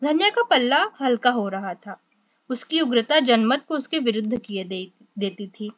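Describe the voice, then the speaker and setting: A woman narrating a novel as an audiobook in a steady storytelling manner. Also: a little high, moderate pace, no room sound. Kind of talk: novel reading. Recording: dull lo-fi, dry.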